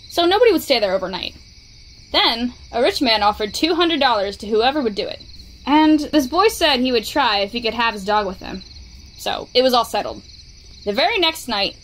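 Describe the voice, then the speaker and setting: A woman narrating a scary story in steady, measured storytelling. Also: a little high, a little hiss or hum, low-quality recording.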